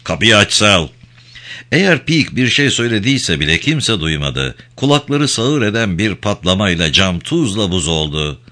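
Low, bright dramatic male narrator. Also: normal speed, hardly any pauses. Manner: dramatic, expressive reading. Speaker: audiobook narrator. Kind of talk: scripted narration.

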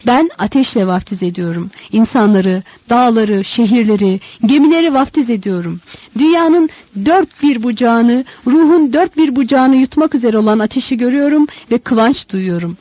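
A woman's voice: fairly high pitch, expressive, normal speed, dark tone, dry recording, voice pushed up, low-quality recording. A woman voicing an anguished, fervent male prophet who cries out his words, in a Turkish audiobook reading. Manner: impassioned, exclamatory.

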